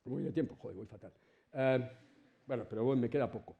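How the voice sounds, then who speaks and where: A middle-aged man with a Spanish accent from Spain, giving an informal lecture to students in a colloquial, animated way and swearing casually. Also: mid-range voice, fast, vocal fry, narrow, tinny audio. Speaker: university lecturer.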